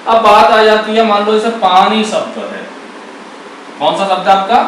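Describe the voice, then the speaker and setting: A man teaching a grammar lesson, asking questions and answering them himself, repeating key words and sounding out syllables slowly. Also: high-pitched, animated, fairly bright tone, heavy reverb, recorded from a distance, slight background noise, rough recording. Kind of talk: classroom lesson.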